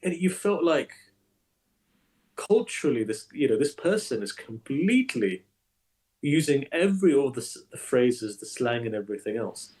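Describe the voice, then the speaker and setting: The speaker, a male imam, is a guest in a conversational interview, building his points with emphatic, animated delivery and frequent repetition. He speaks at a moderate pace in a medium-pitched voice.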